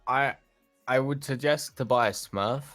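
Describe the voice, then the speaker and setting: A man with a middle-pitched voice joins a casual gaming chat as a guest streamer. He gives advice in a relaxed way and laughs at himself now and then. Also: unhurried, soft background music.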